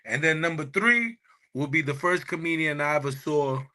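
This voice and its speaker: A man talking casually on a podcast about comedians and music, animated and slangy, laughing often. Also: on the high side, moderate pace. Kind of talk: casual chat.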